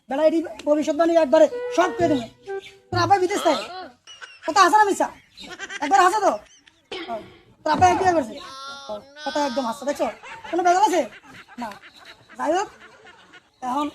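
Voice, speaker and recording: A woman playing a teasing mock fortune teller in comic street banter. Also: sits high. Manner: teasing, playful, keeps asking if people are angry.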